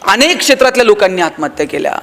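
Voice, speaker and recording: High-voiced man giving a speech. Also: sing-song, very fast, creaky, fairly bright tone. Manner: storytelling, acts out quoted voices, addresses audience members by name. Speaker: motivational speaker. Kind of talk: humorous motivational speech to a live audience.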